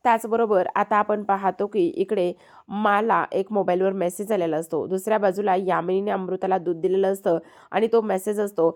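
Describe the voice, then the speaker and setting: A woman narrating a recap of a TV serial episode at a mid-range pitch. She walks through each scene in order and reads out what each character says in between. Her delivery is a steady storyteller's retelling. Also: moderate pace. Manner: retells scenes step by step, reading characters' lines aloud.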